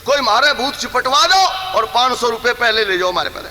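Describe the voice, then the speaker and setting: A man's voice: very high voice, normal speed, in a large hall, a little hiss or hum, low-quality recording. A man telling a folk tale and preaching, acting out voices and breaking into sung refrains. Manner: animated, acts out voices and breaks into song. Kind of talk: Haryanvi kissa storytelling with sung refrains.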